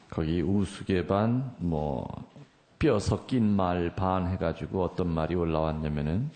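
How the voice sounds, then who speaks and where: Gravelly-voiced Korean priest, joking sermon. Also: male voice, sits low, mellow. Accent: slight Chungcheong lilt. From Incheon, South Korea. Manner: joking, storytelling, playfully mimics dialects. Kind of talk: humorous sermon to a congregation.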